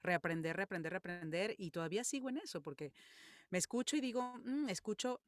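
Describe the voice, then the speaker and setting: A woman's voice: medium pitch, a little fast, no echo, studio quality. A woman from Venezuela, a dubbing voice actor with a Venezuelan Spanish accent, talking animatedly in an interview. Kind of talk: conversational interview.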